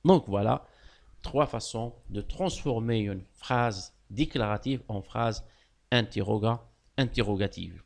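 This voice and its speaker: A man's voice: on the low side, slow, vocal fry. A man teaching a French grammar class, walking pupils through sentence types and praising their answers. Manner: stresses key words with sudden loud lifts. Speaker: primary school French teacher.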